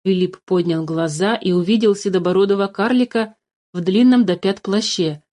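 A woman's voice: medium pitch, normal speed, a little mellow. Woman narrating a fairy tale. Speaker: storyteller. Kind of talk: storybook narration.

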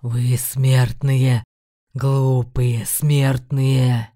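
Woman voicing a slow, growling ancient demon. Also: extremely low pitch, flat delivery, dark tone, no room sound, studio quality, pitched below the performer's own voice, full character voice. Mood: raging. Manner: slow, drawn-out growling delivery. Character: menacing ancient male demon beast, mocking. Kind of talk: audiobook character voice.

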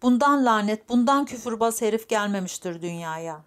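A woman voicing a shrill, pious old grandmother in an audiobook, who talks in an insistent, excitable way. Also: moderate pace, lightly acted. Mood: fiery.

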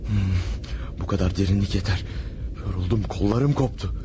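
A low-voiced man, lightly acted and speaking at normal speed, portrays a scheming killer who mutters and gloats while concealing his crime. The radio drama is old, the recording muffled with a faint hiss.

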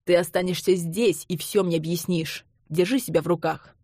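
A woman reading the lines of an angry young man who speaks harshly and roughly, in an audiobook. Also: on the low side, steady tone, moderate pace, no echo, clean studio sound. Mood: furious. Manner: harsh, rough, shouting through clenched teeth.

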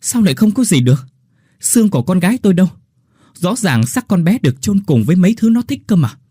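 A man's voice: on the low side, expressive, normal speed, dark tone, husky, dry recording, clean studio sound. A man voicing a grieving older village father who cries out in anguish. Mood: shocked.

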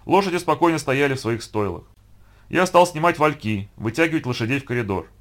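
A man's voice: mid-range voice, lively intonation, a little fast, fairly bright tone. Man reading a first-person novel. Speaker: narrator.

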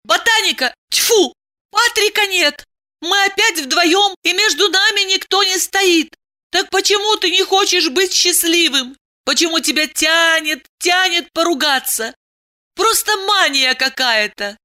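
A woman reading an audiobook voices a proud, hysterical woman who shouts in outrage. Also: a little slow, exaggerated voice. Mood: indignant. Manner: shrill, indignant, shouting. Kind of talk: audiobook character voice.

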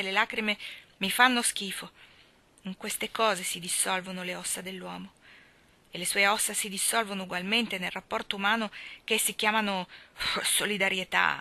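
A woman reading the lines of a dry, scornful old rich Englishman in a slow, measured, disdainful way. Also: mid-range voice, sharp tone.

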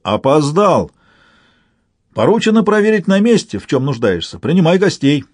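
A man voicing a blunt, gruff male Red commissar who barks brusque, crude remarks. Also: a little high, big pitch swings, moderate pace, dry recording, studio quality.

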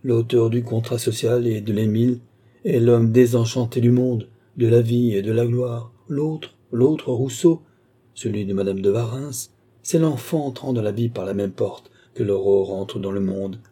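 Man reading as grave old sage, wistful, measured, dark husky voice. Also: mid-range voice, steady tone. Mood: melancholy. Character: older male sage, melancholy and suspicious.

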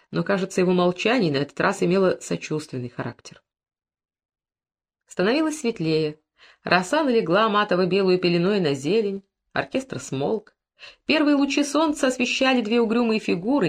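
A woman reading classic literary prose as an audiobook, in a measured narration. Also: mid-range voice. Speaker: audiobook reader.

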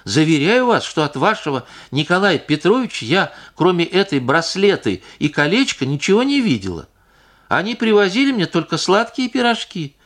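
A man's voice: high voice, very animated, normal speed, fairly bright tone, pitched above the performer's own voice, heavily acted. A male audiobook reader voicing an evasive young woman, a singer, who answers defensively. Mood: sulky. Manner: defensive and whining. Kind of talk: audiobook character reading.

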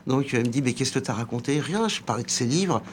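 On a radio interview, a former bookseller in his sixties recounts a lively anecdote, performing the lines of dialogue himself. He talks fast at a medium pitch, with slight background noise.

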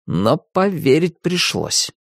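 A man narrating a children's storybook in an even, expressive reading. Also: fairly high pitch, slow, creaky, no echo, studio quality. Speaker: audiobook narrator.

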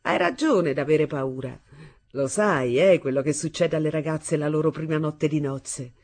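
A woman's voice: low voice, moderate pace. A woman doing a brash, taunting young husband. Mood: menacing. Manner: mocking, menacing, loud bursts.

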